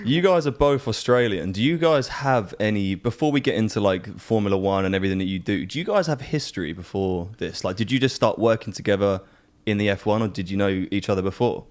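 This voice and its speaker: A man co-hosting a podcast, playful and quick to laugh. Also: lowish voice, lively intonation. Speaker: podcast co-host. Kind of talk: casual podcast chat.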